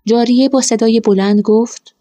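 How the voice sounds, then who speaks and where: A woman narrating a first-person story in a quiet, measured way. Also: on the high side, steady tone, no echo.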